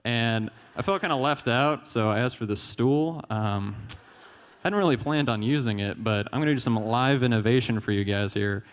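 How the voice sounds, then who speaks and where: A young man performing a stand-up comedy set on stage, deadpan and chuckling at his own jokes. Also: medium pitch, moderate pace, smooth. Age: young adult. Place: stage in a large hall. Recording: live hall with long reverb.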